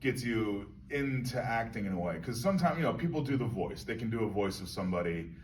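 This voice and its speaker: A man with a low voice gives a casual interview at a convention and wanders from thought to thought. He picks the mic up from a little way off. A faint crowd hum sits behind him. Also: animated, fast, a little mellow, far from the mic. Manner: musing, meandering, laughs often. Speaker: actor being interviewed. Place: convention hall.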